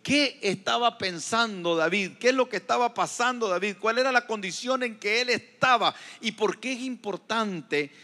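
A man preaching a sermon as a pastor, firing off strings of rhetorical questions and swinging between hushed low passages and loud emphatic bursts. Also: normal speed, hardly any pauses.

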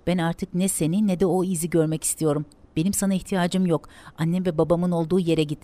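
Woman voicing a venomous, shouting twin sister. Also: fairly low pitch, fairly even intonation, fast talker, no echo, lightly acted. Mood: hateful. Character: bitter hateful young woman, the twin sister.

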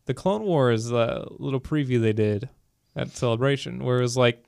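A man co-hosting a casual podcast, talking fast and loose with lots of "like" and "you know". His voice sits in an ordinary middle pitch. The sound is dry and close, with no room around it. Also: vocal fry, clean tone, dry recording. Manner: animated, filler-heavy geeky talk. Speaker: podcast co-host. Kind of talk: casual chat.

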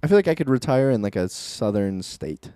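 Casting: male podcast co-host, bouncy pitch, slightly high, dry close mic. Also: animated, mellow, clean tone, no echo. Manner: laughs along, quick agreeing replies. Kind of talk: casual chat.

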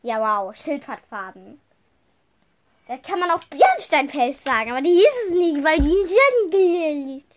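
A woman's voice: high-pitched, lively intonation, a little slow. A young woman co-hosting a podcast in playful casual chat, reading clues aloud and laughing often. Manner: playful, bursts of laughter, reads descriptions aloud. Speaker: podcast co-host. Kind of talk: casual chat, quiz banter.

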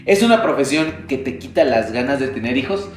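A Mexican man hosts a relaxed interview and keeps it light with jokes and laughter. His voice sits at an ordinary pitch and echoes in the room. Faint music plays underneath. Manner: playful, joking, quick laughs. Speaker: podcast host. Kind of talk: casual interview.

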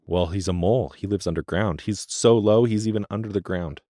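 A man's voice: fairly low pitch, fairly quick, warm tone, no echo, clean studio sound. A man co-hosting a podcast, explaining his thoughts on a book in a thoughtful, casual way. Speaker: podcast co-host.

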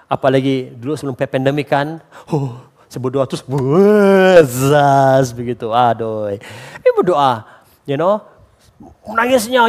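A man preaching a lively sermon as a pastor, slipping English phrases into his talk. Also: medium pitch. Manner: acts out quoted voices for humor.

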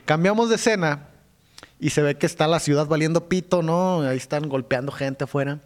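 A man's voice: a little high, fairly quick. A young Mexican man recapping a movie with crude slang and frequent laughter as podcast co-host. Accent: Mexican Spanish.

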